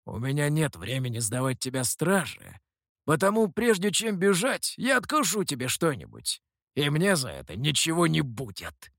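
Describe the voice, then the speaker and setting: A man's voice: fairly high pitch, big pitch swings, moderate pace, bright, forceful tone, no echo, exaggerated voice. Man voicing a cocky monkey demon, brash, impatient, menacing, storybook figure, dry sound.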